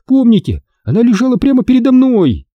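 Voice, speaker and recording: A man voicing a frightened, quick-thinking young girl who speaks breathlessly and urgently in a storybook reading. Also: very high-pitched, huge pitch swings, no room sound, dull audio, pitched above the performer's own voice, heavily acted. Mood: insistent.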